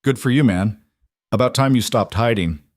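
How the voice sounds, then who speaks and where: A man's voice: mid-range voice, normal speed, no echo, natural voice. Teasing male co-worker, blunt, joking, easygoing, voiced by a man, dry sound.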